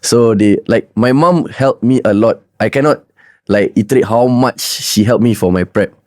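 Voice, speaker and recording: A man's voice: mid-range voice, moderate pace, a little mellow, dry recording, studio quality. A young man with a Singaporean or Malaysian accent chatting casually as a podcast guest in colloquial local slang English sprinkled with "lah". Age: young adult. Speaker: podcast guest, competitive bodybuilder.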